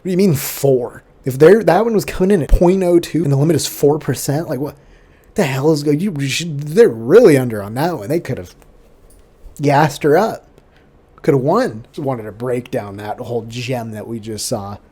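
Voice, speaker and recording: Male streamer, husky and mellow, riffing with profane mock outrage. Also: medium pitch, normal speed. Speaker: streamer reacting to a video. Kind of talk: comedic reaction commentary.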